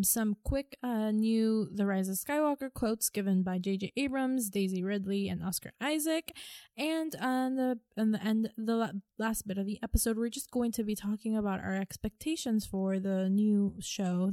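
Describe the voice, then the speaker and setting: A woman's voice: mid-range voice, warm tone, no room sound, studio quality. A young woman co-hosting a casual fan podcast, rambling with lots of fillers and restarts. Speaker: podcast co-host.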